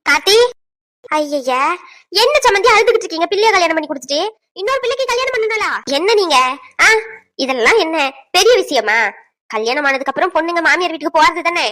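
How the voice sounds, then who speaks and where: A woman voicing a bossy, sharp-tongued middle-aged mother-in-law at a wedding in a cartoon. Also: very high-pitched, expressive, fast talker. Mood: scolding. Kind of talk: cartoon voice acting, several village figures.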